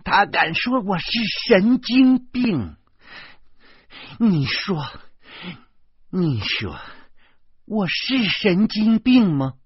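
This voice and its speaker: Man doing a shrill indignant man, high-pitched, loud, dull lo-fi audio. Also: very animated, extremely slow, long pauses, husky, dry recording, full character voice. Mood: outraged. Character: indignant man shrieking about an insult. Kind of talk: audiobook reading.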